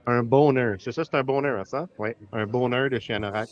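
A man with a Québécois accent hosting a podcast in a lively, teasing way. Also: mid-range voice, a little fast, dull audio. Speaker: podcast host. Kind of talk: casual podcast chat.

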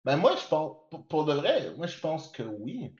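A man's voice: fairly high pitch, big pitch swings, unhurried, a little mellow, muffled recording. Man chatting on a roomy podcast. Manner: chatty, mixes English into French, many fillers. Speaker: podcast co-host. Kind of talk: casual chat.

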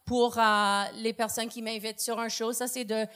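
Woman guest on a comedy podcast, gushing, kinda high voice. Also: flat delivery, moderate pace. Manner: effusive, bursts into loud exclamations. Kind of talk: casual podcast chat.

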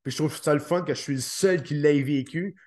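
A man with a Québécois French accent, a former fighter as a podcast guest, talking in a halting way and often repeating his words. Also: fairly high pitch, a little mellow. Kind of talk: podcast interview.

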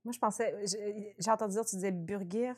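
A woman's voice: mid-range voice, steady tone, very fast. A woman, a guest on a podcast in casual chat, insistent and laughing as she talks. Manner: insistent, laughs while talking.

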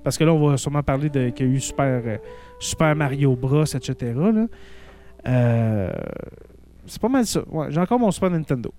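A man's voice: mid-range voice, expressive, normal speed, mellow, soft background music. A man with a Québécois accent hosting a casual chat, rambling with many false starts and fillers. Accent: Québécois French.

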